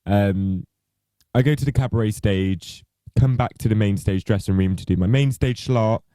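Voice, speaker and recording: Lively, swearing drag queen storyteller. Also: on the low side, moderate pace, no echo. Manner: animated storytelling, frequent swearing, dramatic quoted voices. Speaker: podcast co-host, drag queen. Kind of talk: casual chat.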